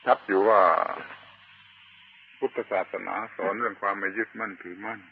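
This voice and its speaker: A man preaching a Buddhist sermon, slow and deliberate, pausing often and stressing key words. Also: lowish voice, level tone, phone-quality sound, slight background noise. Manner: slow and deliberate, with long pauses and emphatic chanted words. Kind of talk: Dharma sermon.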